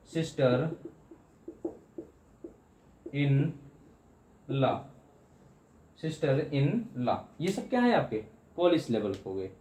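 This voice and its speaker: A man's voice: fairly high pitch, a little mellow, reverberant. A man teaching English grammar in Hindi for exam prep, repeating key terms and often addressing students as friends.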